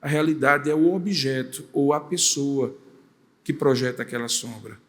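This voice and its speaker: A man's voice: mid-range voice, moderate pace, fairly bright tone. An older man preaching a sermon as pastor, emphatic and full of rhetorical questions and repeated phrases. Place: church sanctuary. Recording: long church reverb.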